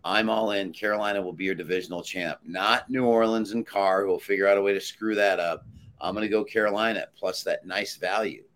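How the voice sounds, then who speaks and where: A man's voice: fairly low pitch, fairly even intonation, brisk, fairly bright tone, slight background noise. A man working as a sports handicapper, giving betting picks with confident, emphatic calls.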